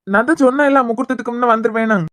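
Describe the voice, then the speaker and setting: A woman's voice: on the high side, steady tone, rapid-fire, no echo, close to an everyday voice. A woman voicing a teasing, protective young male groom in a cartoon, with a Kanyakumari Tamil accent.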